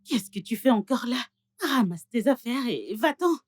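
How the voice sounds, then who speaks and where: A scornful, manipulative young woman. Her voice sits a little high with a husky grain. She needles and belittles with cool contempt. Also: very animated, moderate pace. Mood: contemptuous. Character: scheming, contemptuous young woman, Zaid's girlfriend. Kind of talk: French-dubbed film drama.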